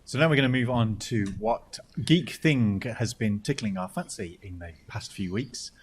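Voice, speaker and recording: A podcast host with a lowish voice chats casually at a moderate pace, joking, rambling, and restarting his sentences a lot. The recording is very noisy.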